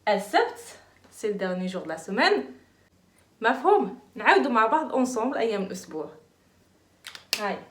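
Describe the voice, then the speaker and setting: A young woman teaches children in a playful, animated, encouraging voice. She sits a little high for a woman. The room around her is echoey. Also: racing, pauses often. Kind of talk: children's lesson.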